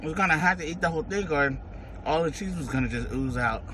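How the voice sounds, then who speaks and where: A woman chatting casually to viewers while eating, chewing as she talks and pausing often for appreciative mm sounds. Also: low voice, animated. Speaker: mukbang vlogger. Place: inside a parked car. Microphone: phone or camera on the dashboard, about arm's length. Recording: noisy car interior with ambient hum.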